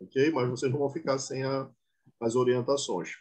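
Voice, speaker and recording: A man's voice: medium pitch, fairly even intonation, normal speed, darkish tone, a little hiss or hum. A man with a Brazilian Portuguese accent teaching an online class, often repeating himself and checking that students follow. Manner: repetitive, asks students for confirmation often.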